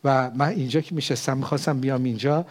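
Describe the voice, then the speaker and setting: An older man, a pastor, preaching a sermon. He swells with force on key phrases and sinks into hushed prayer. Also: mid-range voice, steady tone.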